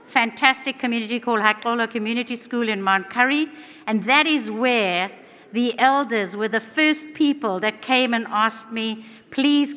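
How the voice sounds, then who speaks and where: A South African woman gives an earnest conference presentation in a large hall, her South African accent carried by a fairly high, sharp voice. She speaks fluently but restarts often, and a long hall reverb trails her words.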